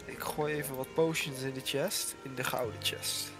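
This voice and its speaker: A man's voice: mid-range voice, fairly even intonation, normal speed, loud music behind the voice. A man with a Dutch accent, chatting easily while gaming online with friends. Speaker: gamer. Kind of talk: casual gaming chat.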